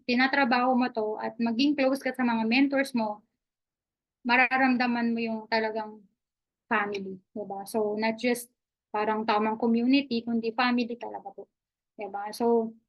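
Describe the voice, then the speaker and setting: An upbeat woman presenting live to an online audience. Her voice sits a little high, and she talks in a chatty, encouraging way. She checks in with her listeners constantly and laughs easily. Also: muffled recording. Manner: chatty, mixes English and Tagalog, often asks "di ba?". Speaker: affiliate marketing presenter.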